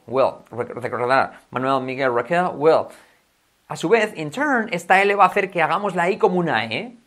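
A man from Spain with a Spanish accent, teaching English in a chatty, lively video lesson, repeating examples slowly and clearly. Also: fairly high pitch. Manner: switches between Spanish and English, repeats examples with drawn-out pronunciation.

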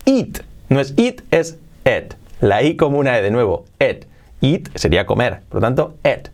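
A man with a Spain Spanish accent teaching English pronunciation in an online lesson, lively and repeating drill words again and again. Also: mid-range voice, normal speed.

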